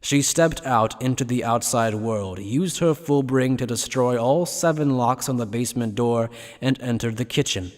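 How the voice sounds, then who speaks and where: A man's voice: medium pitch, moderate pace. A man reading scripted story narration for an anime fan dub. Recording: long reverberant hall effect.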